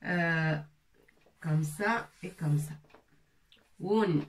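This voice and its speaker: Recorded from afar in an echoey room with faint noise, her voice slightly off-mic, a woman who teaches Arabic leads a patient French letter lesson. She speaks in a low voice, slowly repeating each sound and drilling syllables one at a time for her learners.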